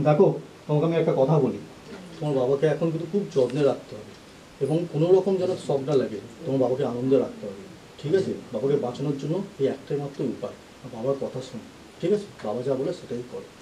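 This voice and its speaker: An actor playing a family doctor who firmly tells the family to calm down and gives instructions. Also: male voice, mid-range voice, fast, a crowd in the background, lightly acted. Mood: calm advice. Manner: keeps ordering others to calm down. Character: brisk male family doctor, firm and calming. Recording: roomy, distant home recording.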